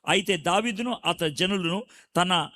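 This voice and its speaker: A middle-aged man preaching a storytelling sermon, quizzing the audience and acting out the scenes with animated delivery. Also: sits high, a little slow, slight background noise.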